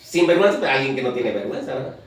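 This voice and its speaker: A preacher delivering a sermon, asking the congregation questions and counting off points. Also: male voice, medium pitch, expressive, racing, recorded from a distance. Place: church. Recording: echoey church heard from afar.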